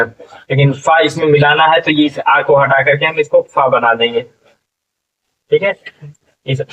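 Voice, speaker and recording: A man teaching English phonics in a spoken lesson, spelling words letter by letter, repeating them and asking what each becomes. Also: mid-range voice. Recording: distant, dull lo-fi classroom recording.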